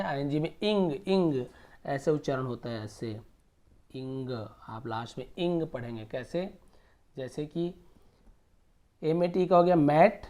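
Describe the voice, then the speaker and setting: A man from India teaching English pronunciation, slowly repeating words and spelling them letter by letter. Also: fairly high pitch, dark tone.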